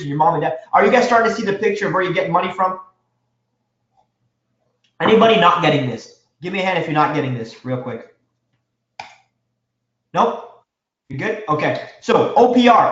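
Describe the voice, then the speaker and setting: A man teaching a live real estate seminar, energetic and quizzing his audience with questions. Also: high voice. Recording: echoey room, dull lo-fi sound.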